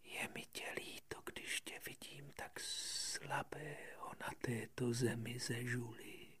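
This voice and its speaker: A man voicing a sly male snake in an audiobook, speaking in a hushed, secretive whisper. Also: medium pitch, steady tone, close to an everyday voice. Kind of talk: audiobook reading.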